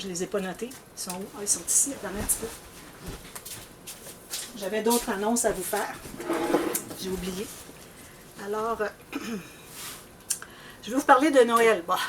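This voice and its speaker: A woman with a Québécois French accent hosting a scrapbooking channel, chatting casually to viewers in a rambling way and often clearing her throat. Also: medium pitch, recorded from a distance, slight background noise. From Canada.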